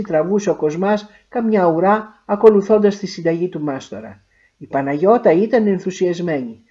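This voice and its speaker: A woman narrating a literary short story in a measured, expressive way. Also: on the low side, lo-fi sound.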